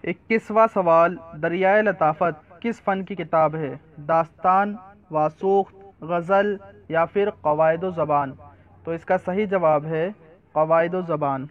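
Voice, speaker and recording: A high-voiced man reads quiz questions one by one, lists the options, and then announces the right answer. The recording sounds slightly dull and lo-fi, without much crispness at the top. His delivery is even and methodical, like a study-guide narration. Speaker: quiz presenter. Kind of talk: reading out multiple-choice quiz questions.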